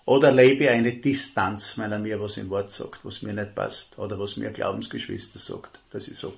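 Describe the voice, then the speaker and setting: A man preaching a sermon, earnest and emphatic, slowing down to stress key words. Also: fairly low pitch, steady tone, vocal fry. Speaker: lay preacher. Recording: dull lo-fi recording.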